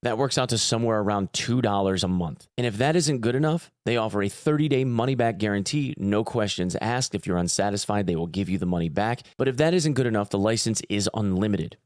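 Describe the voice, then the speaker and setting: A man hosts a gaming news video, giving casual commentary and a sponsor read in a chatty, informal style with playful emphasis. His voice is lowish and darkish, and the sound is clean studio audio without echo.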